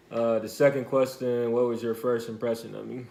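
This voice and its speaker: A man's voice: medium pitch, gravelly, darkish tone, echoey room. A man chatting casually as co-host of a couple's video, his speech slightly obstructed by braces in his mouth. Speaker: husband co-hosting a couple's tag video. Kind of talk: casual chat.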